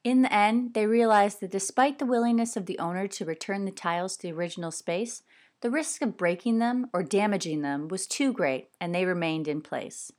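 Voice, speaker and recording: A woman from Canada who hosts a podcast, reading her narration in a measured way from a script. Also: medium pitch, a little mellow. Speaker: podcast host. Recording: narration with music underneath.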